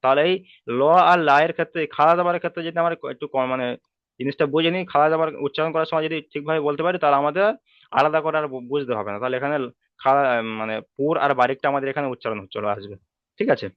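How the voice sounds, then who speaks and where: A man's voice: on the high side, fairly even intonation, very fast, clean tone, dry recording, highs cut off. A man teaching a Quran reading class online, with a Bengali accent, patiently repeating rules and checking that students follow.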